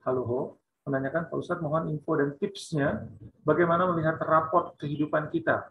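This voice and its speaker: A man's voice: on the high side, steady tone, brisk. A man moderating a webinar, politely reading listener questions to the teacher. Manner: polite, deferential. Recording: dull lo-fi call audio with faint noise.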